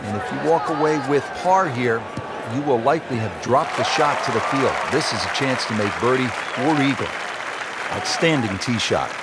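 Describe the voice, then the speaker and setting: A man playing a television golf commentator, calling a tournament in a measured announcer's delivery. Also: medium pitch, animated, very noisy, natural voice. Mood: measured, admiring. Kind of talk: golf commentary, scripted game broadcast. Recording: loud crowd and outdoor ambience behind. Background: golf crowd ambience.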